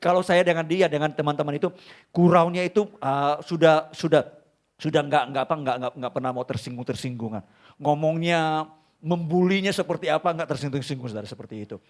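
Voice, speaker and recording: Middle-aged male pastor, high-pitched, animated and emotional, preaching live in church. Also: a little fast. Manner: animated, emotional storytelling, keeps addressing the congregation. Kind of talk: live sermon. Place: church sanctuary.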